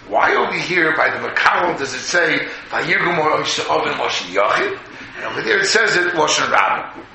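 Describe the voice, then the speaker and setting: A man with a sharp, forceful voice delivers a rabbinic sermon in a very reverberant room. His pitch moves up and down in an animated way as he tells stories and poses questions, sprinkling in Hebrew terms. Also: vocal fry. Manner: storytelling, rhetorical questions, voices imagined speakers, repeats phrases; mixes English with Hebrew and Yiddish terms. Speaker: rabbi giving a Torah talk. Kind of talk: sermon, Torah lecture. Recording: echoey room, faint noise.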